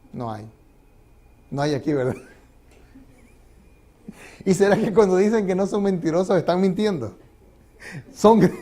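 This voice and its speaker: A middle-aged pastor with a high, slightly mellow voice preaches in a church sanctuary. His manner is conversational; he often asks the congregation questions and laughs.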